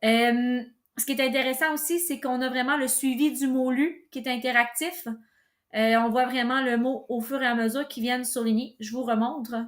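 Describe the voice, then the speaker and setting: Higher-pitched woman giving a tutorial. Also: fairly even intonation, normal speed. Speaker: tutorial presenter. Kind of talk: informal software tutorial narration.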